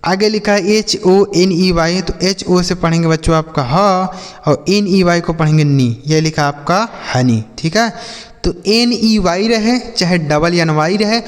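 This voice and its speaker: A man's voice: high-pitched, a little slow. A man teaching English reading. He spells words out letter by letter, asks what they say and repeats the answer. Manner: calls viewers children and brother. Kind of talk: spoken English reading lesson. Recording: long hall reverb.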